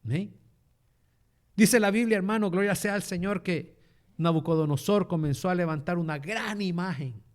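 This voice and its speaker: High-voiced male pastor preaching. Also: normal speed. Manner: peppers speech with "amén" and "hermano" asides; asks the congregation rhetorical questions. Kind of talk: sermon.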